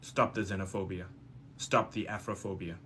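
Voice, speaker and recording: South african guy ranting to camera, low forceful voice, faint room hum. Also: fairly even intonation, moderate pace. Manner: indignant, emphatic, lecturing. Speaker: commentator. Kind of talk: opinion monologue.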